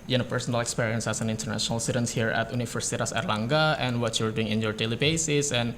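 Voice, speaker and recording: Man, podcast host, casual, filler-heavy, mid pitch, faint noise behind. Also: fairly even intonation, fast, fairly bright tone. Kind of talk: podcast interview.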